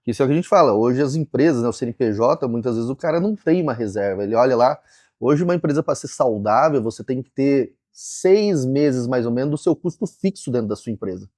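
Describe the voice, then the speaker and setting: A man hosting a podcast, explaining business ideas calmly and in a measured way. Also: medium pitch, no room sound, clean studio sound. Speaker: podcast host. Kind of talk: conversational interview.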